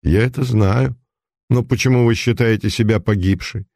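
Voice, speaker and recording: A man's voice: on the low side, normal speed, darkish tone, dry recording, clean studio sound. A man doing an imperious mocking occult charlatan. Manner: commanding, mocking, at times thundering.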